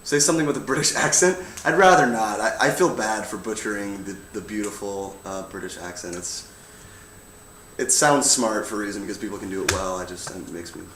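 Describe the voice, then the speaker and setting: A young man chatting casually on a livestream, answering fan questions with a relaxed manner, often laughing and letting his sentences trail off softly. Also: lowish voice, fairly quick, far from the mic. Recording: roomy, off-mic with faint hum.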